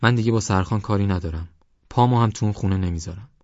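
A man's voice: on the low side, dry recording, highs cut off, lightly acted. A man voicing a defiant young orphan woman. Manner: fierce, pleading.

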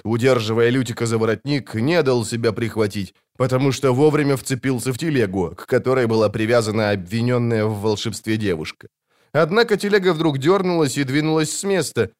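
A man narrating a fantasy story from a script in an expressive, storytelling manner. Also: medium pitch. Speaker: audiobook narrator.

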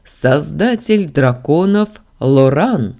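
A woman voicing a capricious male god, creator of dragons, who speaks slowly and with mockery. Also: sits low, animated, warm tone, full character voice. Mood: mocking. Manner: slow, amused and mocking.

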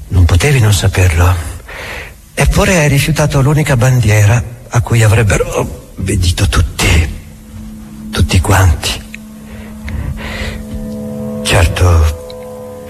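An actor playing a bitter, accusing, imperious inquisitor in a theatrical monologue, deliberate and full of rhetorical questions. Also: male voice, fairly low pitch. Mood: cynical, insistent.

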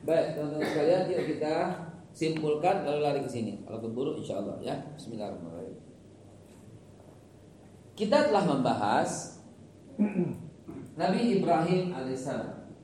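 A man's voice: on the high side, very animated, normal speed, long pauses, dark tone. A middle-aged man giving a chatty, joking religious lecture with Arabic phrases. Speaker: preacher. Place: large echoing study hall. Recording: echoey hall from far off, noisy.

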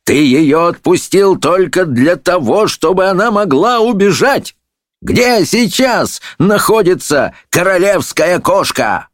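A man voicing a blustering, pompous judge who roars and drags out his insults in a high, strained voice. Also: very animated, no echo, clean studio sound. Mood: bullying. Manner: roaring, bullying, drawn-out shouts.

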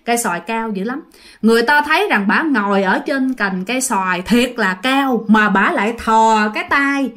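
A woman chats her way through a ghost story, addressing her listeners directly. She speaks at a normal speed in a voice on the high side with a slightly bright quality.

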